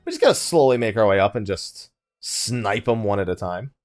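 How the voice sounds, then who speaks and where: This man, a gaming YouTuber running a let's play, talks at a moderate pace in a lowish, expressive voice. His commentary is casual and wry, like he's chatting while working things out aloud.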